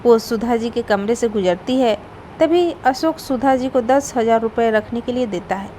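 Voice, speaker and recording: A woman telling a family moral story. She reads steadily in a fairly high voice with a calm storybook pace. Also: moderate pace, a little hiss or hum, rough recording. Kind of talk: scripted story narration.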